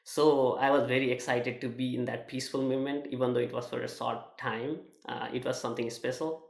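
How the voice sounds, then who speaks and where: A young man from Nepal with a Nepali accent, sharing a personal testimonial in a halting way, with many fillers and restarts. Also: medium pitch, little pitch movement, gravelly, roomy sound. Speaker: student sharing his experience.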